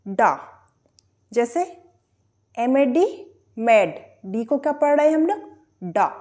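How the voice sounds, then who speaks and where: Woman, pronunciation teacher, slow deliberate delivery, spells out letters, rhetorical questions. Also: fairly high pitch, lively intonation, dark tone. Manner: spells words letter by letter, asks and answers own questions. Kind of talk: explaining pronunciation rules.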